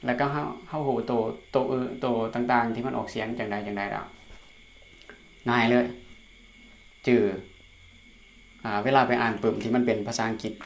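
A man with a Lao accent teaching a recorded pinyin lesson, slowly repeating syllables for learners. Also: mid-range voice. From Laos. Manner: drills syllables slowly by repetition. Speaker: Chinese language teacher.

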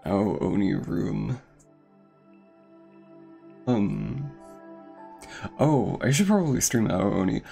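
A man's voice: lowish voice, lively intonation, takes it slowly, vocal fry, long pauses, warm tone. A young man streaming a game, chatting casually in a rambling way full of fillers and restarts, a little out of breath. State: slightly out of breath. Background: game music.

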